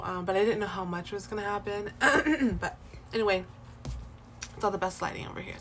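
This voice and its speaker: A young woman vlogging at home in a casual, rambling way, full of fillers and restarts, her voice still raspy from the morning. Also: medium pitch, fairly bright tone, a little hiss or hum, poor audio. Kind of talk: casual vlog chat. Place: at home, indoors.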